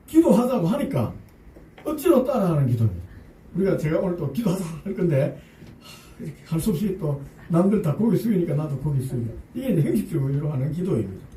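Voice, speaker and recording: Lively man preaching in an echoey church. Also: on the high side, slight background noise. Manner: lively and conversational, with rhetorical questions to the congregation; humorous asides. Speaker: pastor. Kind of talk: sermon. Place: church sanctuary. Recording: echoey church room, voice picked up from a distance.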